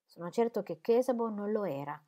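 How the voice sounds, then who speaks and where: Woman reading as an impatient indignant gentleman. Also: medium pitch, animated, a little fast, lo-fi sound, lightly acted. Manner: earnest, pressing. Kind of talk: audiobook character reading.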